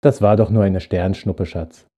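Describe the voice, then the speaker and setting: A man doing a gentle, patient mother. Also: sits low, steady tone, moderate pace, voice pushed down. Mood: soothing. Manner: soothing, mildly amused.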